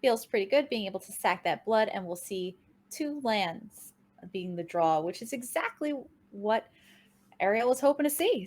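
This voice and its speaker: An upbeat woman gives play-by-play for a card game tournament. Her voice sits in a middle range, and she speeds up and rises in pitch as she tracks each move. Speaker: game caster. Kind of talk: play-by-play esports commentary.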